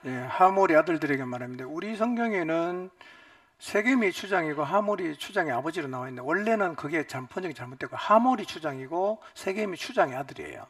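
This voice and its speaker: Pastor guy preaching at a retreat, high voice, dry sound, a bit far from the mic. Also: fast, slightly rough, no room sound. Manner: animated, shifts between loud outbursts and quiet asides. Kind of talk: retreat Bible lecture. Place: church retreat hall.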